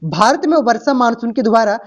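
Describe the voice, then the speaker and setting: A woman teaches students an exam-prep lesson, often posing a question and answering it herself, and she repeatedly says "ठीक ना" and "प्यारे बच्चों". Her high-leaning voice is expressive and a little fast, on a dull lo-fi recording.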